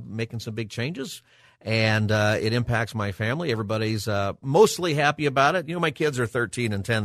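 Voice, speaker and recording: A man's voice: on the low side, no echo, studio quality. A middle-aged man hosting a live radio talk show in a conversational way, with a showman-like announcer manner.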